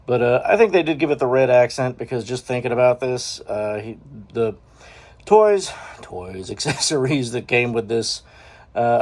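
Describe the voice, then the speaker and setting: A man hosts his own toy review show, chatting casually through an unboxing in a rambling way and often correcting himself with a chuckle. His voice is mid-range, creaky, and darkish.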